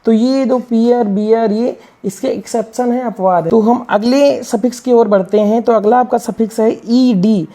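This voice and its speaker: A woman with a somewhat high, warm, mellow voice teaches English reading. She spells each word letter by letter and asks questions that she answers herself. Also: fairly even intonation, normal speed, hardly any pauses. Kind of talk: classroom-style reading lesson.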